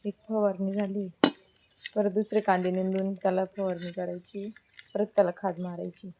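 A woman's voice: medium pitch, level tone, moderate pace, warm tone, a little hiss or hum. A woman, chatting matter-of-factly through a casual farm vlog, recorded outdoors on a phone. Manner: chatty, matter-of-fact, talks to her child while walking. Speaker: vlogger, farm mother.

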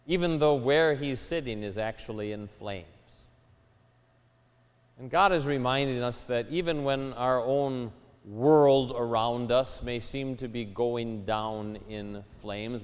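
Slow-preaching pastor, man in a church. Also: mid-range voice, clear, resonant tone. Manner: slow, measured preaching with emphatic rises. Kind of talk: sermon. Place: church sanctuary. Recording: dull lo-fi church recording with long reverb.

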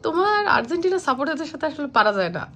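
A hoarse woman, teasing and arguing in a casual home chat. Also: high voice, sing-song, racing, pushed and bright, slight background noise. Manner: teasing, argumentative banter. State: hoarse from a cold. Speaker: vlogger. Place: home, indoors.

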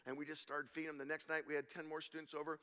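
A middle-aged male pastor telling a story in a sermon, animated and acting out the voices of the people in it. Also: fairly high pitch, racing, smooth. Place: church sanctuary. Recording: reverberant church hall.

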